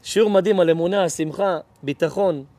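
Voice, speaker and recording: A man's voice: sits high, mellow, no room sound. A man, a rabbi, giving an emotional storytelling lecture, earnest and urgent, acting out the people in his stories. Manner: vivid, acts out dialogue in stories.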